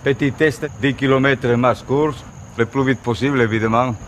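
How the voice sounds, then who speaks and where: Brief: male army instructor, forties, Spanish accent, stern drill-sergeant goading, noisy outdoor field recording with vehicle rumble. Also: fairly even intonation, normal speed. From Spain. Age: 40s. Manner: stern drill-sergeant, goading with curt questions and blunt orders. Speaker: Foreign Legion chief warrant officer, instructor. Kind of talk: military instruction to trainees. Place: outdoors on a training course.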